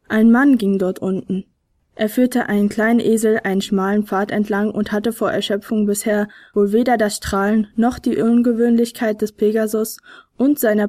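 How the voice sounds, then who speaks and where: A woman narrating a children's storybook in an expressive, gentle storytelling manner. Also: mid-range voice, no room sound, clean studio sound.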